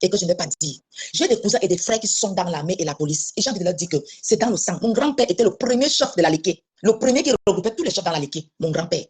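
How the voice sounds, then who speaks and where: Fast-talking blunt Cameroonian woman. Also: lowish voice, animated, a little mellow, breathy edge. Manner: blunt, insistent, repeats herself. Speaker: co-host of online discussion. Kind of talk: heated casual chat. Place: lives in France.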